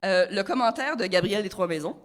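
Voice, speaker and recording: A woman's voice: medium pitch, lively intonation, brisk, very noisy. A 26-year-old woman with a Franco-Ontarian accent delivering a playful, rhyming comic chronicle full of wordplay. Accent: Franco-Ontarian French. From Ontario, Canada. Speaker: comic columnist. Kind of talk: humorous rhyming spoken chronicle.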